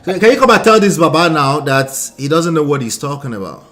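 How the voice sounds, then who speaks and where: A man's voice: a little high, sing-song, a little fast, a bit bright. A man with a Nigerian accent hosting a casual discussion, teasing and interjecting with rhetorical questions. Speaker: host moderating a live discussion.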